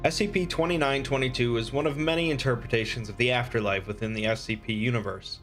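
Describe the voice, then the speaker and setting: A man reading scripted explainer narration in a measured, expository manner. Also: medium pitch, fairly even intonation, a bit bright, faint music behind.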